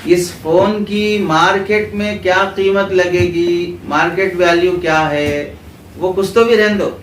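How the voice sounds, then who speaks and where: In an echoing room with a far-off mic and noticeable background noise, a man whose voice sits high and fairly even teaches a religious school class. His accent is Pakistani Urdu, and he explains terms while quizzing students and repeating their responses.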